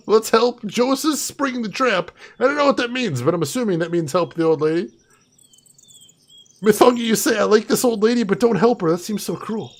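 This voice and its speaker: A man giving casual live game commentary, chatting playfully to viewers with theatrical asides in a husky voice. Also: sits high. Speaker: game streamer, host.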